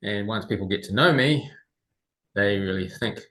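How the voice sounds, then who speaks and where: A man in his forties with a New Zealand accent, telling his story as an interview guest, halting and full of pauses. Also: on the low side, a bit bright, low-quality recording. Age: 40s. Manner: halting, with many pauses and fillers. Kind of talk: remote interview.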